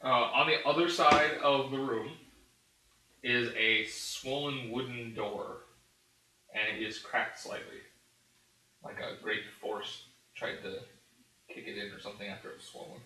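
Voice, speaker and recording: Bright-voiced man running a tabletop game. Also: medium pitch, steady tone, measured pace, pauses often. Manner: describes scenes with frequent chuckles and asides. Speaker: game master. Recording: roomy, distant mic with faint hiss.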